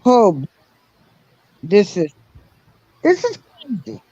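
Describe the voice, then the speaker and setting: Calling in to join a livestream for some casual chat, this woman has a warm, mid-range voice with a breathy edge and wildly swooping pitch. She talks haltingly with many restarts. The recording is dry, on a dull lo-fi call line that sounds distant, choppy and glitchy, breaking up every other word.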